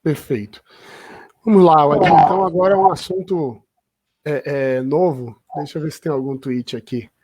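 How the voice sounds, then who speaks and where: Male host, higher and mellow, relaxed conversational prompts. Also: normal speed, husky, rough recording. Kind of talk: political discussion.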